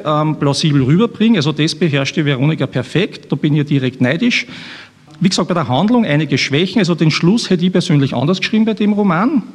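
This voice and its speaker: Rambling Austrian man in a reverberant hall. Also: on the high side. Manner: rambling, self-mocking, many restarts. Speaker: author introducing a reading. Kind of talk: humorous live introduction. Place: reading event in a hall.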